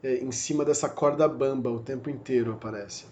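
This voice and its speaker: A man's voice: medium pitch, fairly quick, dark tone, dull audio, a little hiss or hum. A man with a Brazilian Portuguese accent giving a recorded literature lecture, reflective and searching, with many fillers and self-corrections. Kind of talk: recorded university lecture podcast.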